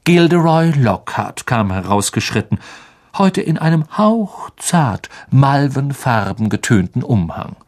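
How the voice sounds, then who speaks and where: Brief: male storyteller, mid pitch, very animated delivery, scripted narration. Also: unhurried. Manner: lively, expressive storytelling. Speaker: audiobook narrator.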